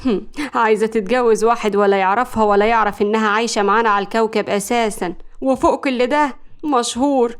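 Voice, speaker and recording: A woman's voice: on the high side, fairly even intonation, fast, smooth, natural voice. A woman voicing a sarcastic, scolding middle-aged Egyptian mother. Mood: grumbling. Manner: mocking, scolding.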